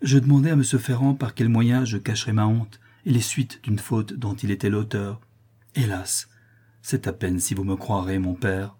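A man's voice: on the low side, fairly even intonation, moderate pace, mellow, breathy edge. A man voicing a distressed young woman who pleads emotionally in a storybook reading. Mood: pleading.

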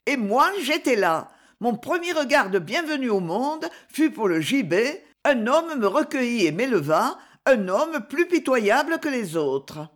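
Brief: woman reader voicing a distraught noble lady, high and anguished, swooping delivery. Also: sing-song, measured pace, hardly any pauses. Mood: haunted. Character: distraught middle-aged duchess, once a bohemian singer.

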